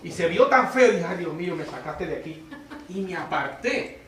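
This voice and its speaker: A man's voice: high voice, big pitch swings, normal speed, fairly bright tone, slight background noise. A man sharing a personal testimony at a church Bible study, telling it conversationally and often tagging lines with a question. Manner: conversational storytelling, frequent "¿verdad?" tags. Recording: roomy church hall, distant mic.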